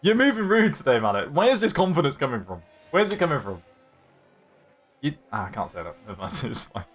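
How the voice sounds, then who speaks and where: A man's voice: a little high, sing-song, normal speed, faint music behind. A young man hosting a live-streamed racing league, commenting on strategy and teasing his chat in a jokey, chatty way.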